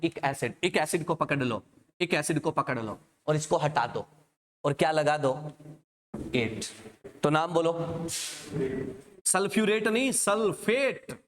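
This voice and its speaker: A man's voice: on the high side, expressive, moderate pace, long pauses. A man teaching chemistry, repeating questions to quiz his students. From India. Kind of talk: classroom lecture.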